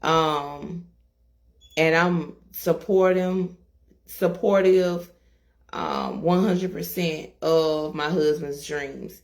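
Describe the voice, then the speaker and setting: A woman co-hosting a casual interview, relaxed and rambling with frequent laughs. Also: deep voice, very slow. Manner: relaxed and rambling, laughing often, many fillers. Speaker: co-host, interviewer.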